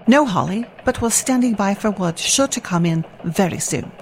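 Brisk elf correspondent, a woman playing her, middle-pitched, matter-of-fact radio news parody. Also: expressive, slight background noise, lightly acted. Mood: attentive.

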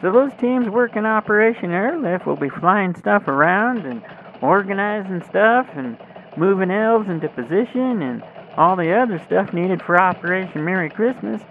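An earnest, excitable Christmas elf sky reporter played by an actor explains things emphatically in a mid-pitched voice. It comes through a thin, phone-like radio link with engine noise behind, as a scripted holiday field report. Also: normal speed. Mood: earnest, eager.

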